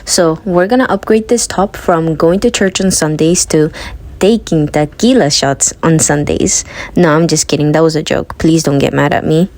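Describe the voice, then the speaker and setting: A woman's voice: low voice, moderate pace, darkish tone. A woman narrating a sewing tutorial as a voiceover, with playful, jokey asides. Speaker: sewing vlogger. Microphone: close mic voiceover.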